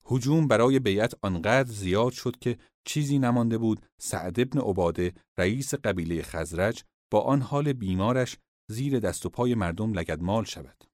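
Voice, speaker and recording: A man giving formal, measured scripted narration of religious history. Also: lowish voice, animated, a little mellow, no room sound, clean studio sound.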